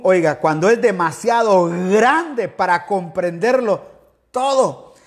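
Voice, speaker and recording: A man from Ecuador preaching a sermon, fervent and addressing listeners directly with frequent exclamations. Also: high voice.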